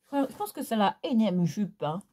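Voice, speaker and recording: Chatty Réunionese French woman, lively pitch. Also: moderate pace. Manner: chatty, theatrical, frequent laughs and fillers. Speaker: fashion vlogger. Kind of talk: casual haul chat to viewers.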